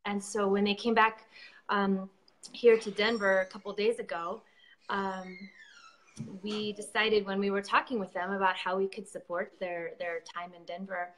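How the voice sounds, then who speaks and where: Speaking at a normal speed in a fairly bright, mid-range voice with a level tone, this woman is an event organizer chatting on a live stream. She comes across as earnest and effusive, frequently saying um and starting her sentences over.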